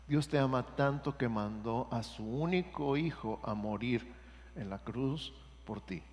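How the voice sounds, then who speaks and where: A man's voice: mid-range voice, a little slow, darkish tone. A man preaching a sermon as pastor and leading a prayer for the congregation to repeat. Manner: earnest, leads a repeat-after-me prayer. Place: church sanctuary. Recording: church hall reverb with music underneath.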